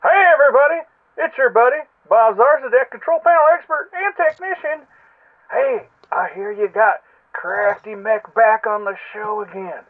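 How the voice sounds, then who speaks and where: High-voiced man over a phone line. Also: normal speed. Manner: rambling, hesitant, with many fillers. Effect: heard over a landline phone line. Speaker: caller leaving a voicemail. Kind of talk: joking voicemail message.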